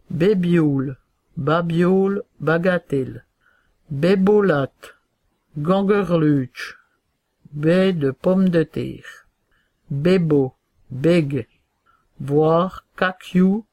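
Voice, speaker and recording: Man, reading glossary entries, very slow and deliberate, fairly high voice, dry close sound. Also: a little mellow, no echo. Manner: reads word, variants, then French meaning, in short measured phrases. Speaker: reader of a regional dialect glossary.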